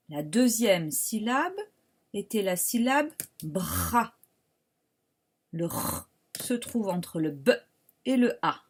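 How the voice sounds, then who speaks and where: A French woman teaching young children from home, speaking slowly and leaving long pauses between words. Her voice is a little breathy and swings widely in pitch. She sounds out each syllable with care, like a patient schoolteacher leading a dictation. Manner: slow, patient, articulates syllables carefully. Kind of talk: remote phonics lesson, syllable dictation.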